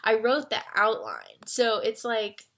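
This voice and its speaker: Chatty vlogger, woman in her twenties, bright tone, filler-heavy casual talk. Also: a little high, slow. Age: 20s. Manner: swings from excited to quiet and earnest. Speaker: vlogger answering fan questions. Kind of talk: casual chat.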